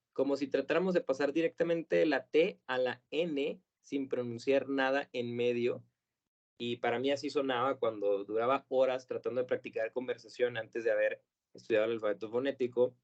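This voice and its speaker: A man's voice: medium pitch, darkish tone. Patient male English teacher, lo-fi. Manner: patient, models words slowly and repeats them. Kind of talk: pronunciation lesson.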